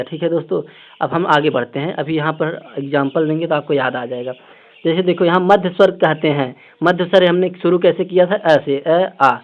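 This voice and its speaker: A man teaching an exam-prep grammar lesson online. He explains memory tricks, keeps asking rhetorical questions and talks aloud as he writes. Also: on the high side. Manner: talks aloud while writing on the screen. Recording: tinny phone-like audio.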